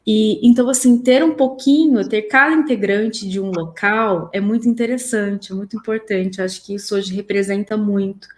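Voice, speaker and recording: A woman from São José do Rio Preto, Brazil hosts a live panel on a stream, speaking semi-spontaneously. Her voice is mid-range and steady, at a moderate pace with hardly any pauses.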